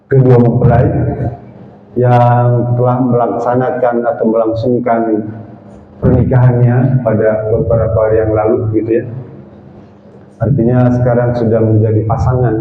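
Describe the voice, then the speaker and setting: A man giving a wedding sermon, preaching in a slow, measured way and chanting Arabic verses between lively jokes. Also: medium pitch, a little hiss or hum. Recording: echoey hall, dull sound, faint ambience.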